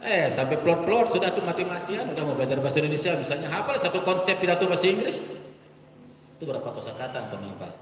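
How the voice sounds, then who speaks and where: A man training Quran teachers in a workshop, explaining storytelling with lively, animated delivery. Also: a little high, fast, slight background noise. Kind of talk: workshop lecture. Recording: echoey hall, distant mic.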